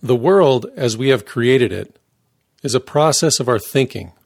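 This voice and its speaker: A man reads his own memoir aloud at a measured, deliberate pace. His voice sits in an ordinary middle register. The sound is dry and close, with no room around it. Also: medium pitch, animated, no echo. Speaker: narrator. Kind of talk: reading a first-person memoir aloud.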